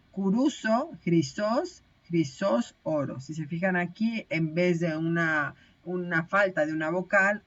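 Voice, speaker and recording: A woman's voice: fairly low pitch, highs cut off. A woman teaching a recorded online lecture, explaining step by step with frequent hesitations and self-corrections.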